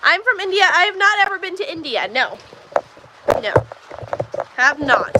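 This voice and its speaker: Woman, high voice, casual livestream host, chatty, in a barn milking stall, phone mic. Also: sing-song, moderate pace, very noisy. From Texas, USA. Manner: chatty, answers viewers' questions while coaxing cows. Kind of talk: casual livestream chat while doing farm chores.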